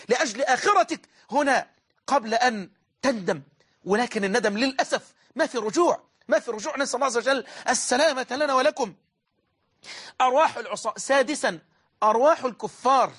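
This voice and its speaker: A man's voice: extremely high pitch, a bit bright, breathy edge. A man with an Egyptian Arabic accent preaching a religious sermon, emphatic and repeating phrases for stress.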